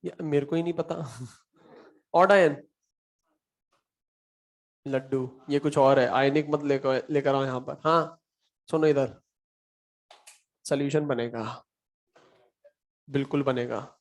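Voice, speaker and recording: A man's voice: medium pitch, steady tone, slow pace, pauses often. A man teaching a chemistry class, quizzing and teasing his students and repeating the key answers for emphasis. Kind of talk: classroom lecture.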